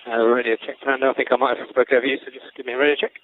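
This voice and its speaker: A man's voice: medium pitch, level tone, very fast, narrow, tinny audio. A man working as a race engineer, giving clipped, repeated instructions to a driver over race car radio. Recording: noisy team radio with car sounds.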